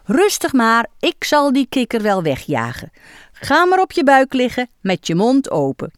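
A woman's voice: on the high side, very animated, measured pace, smooth, dry recording, clean studio sound, voice pushed up. A woman voicing a playful, bossy little girl clown pretending to be a doctor.

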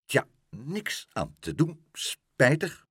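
A pompous, officious male porter from a children's storybook, played by a man reading aloud. He lectures in a self-important, dismissive way, his pitch swinging broadly, in a dry, close sound. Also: huge pitch swings, measured pace, a bit bright, slightly rough, no room sound, heavily acted.

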